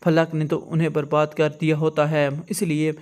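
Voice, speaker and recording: A man retelling the plot of a TV drama episode in a steady, monotone narration. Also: a little high, clear, resonant tone. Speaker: drama story explainer.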